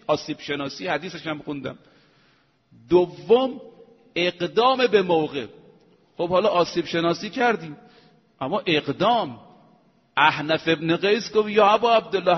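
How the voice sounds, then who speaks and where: A high-pitched man delivers a sermon with emphatic, building declamation. His voice rings with a long hall reverb, and the recording sounds dull and muffled. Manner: emphatic, rising to loud declamation. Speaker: preacher. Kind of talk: religious lecture.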